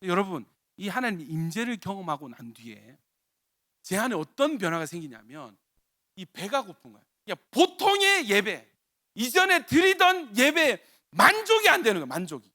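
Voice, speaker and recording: Young male pastor preaching, very high voice, animated delivery, bright and dry close sound. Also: normal speed, dry recording. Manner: animated storytelling, repeated exclamations. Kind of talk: sermon.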